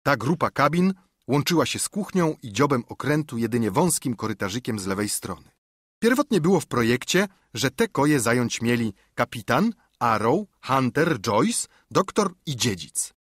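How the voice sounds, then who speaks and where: Brief: male audiobook narrator, husky, animated delivery, dry close sound. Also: medium pitch, normal speed, dry recording. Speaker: audiobook reader. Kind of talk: scripted narration.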